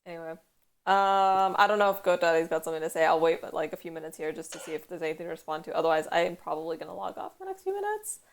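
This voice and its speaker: A woman's voice: lowish voice, lively intonation, rapid-fire. A young woman from Canada with a West Coast Canadian accent, chatting casually on a stream and rambling with lots of "like". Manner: heavy use of "like", rambling storytelling. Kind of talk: casual chat. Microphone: headphones.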